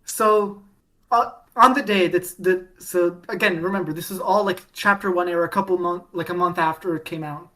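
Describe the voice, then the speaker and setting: A woman co-hosting a podcast chats loosely about her fandom, rambling with frequent false starts, restarts, and fillers, and laughing often. Her voice is fairly low, steady, a bit bright, and at a normal speed.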